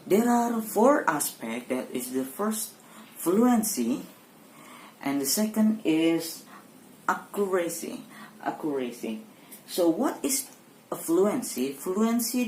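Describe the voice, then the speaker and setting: Slow, low-voiced Indonesian woman student presenting. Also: a little mellow. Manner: hesitant, halting, frequent fillers and restarts. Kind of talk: exam presentation. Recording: echoey room with faint background noise.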